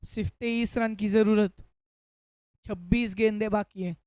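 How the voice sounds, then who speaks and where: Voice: medium pitch, fairly even intonation, unhurried, darkish tone, smooth, no echo. A Hindi cricket commentator calling play ball by ball, mixing in English cricket terms.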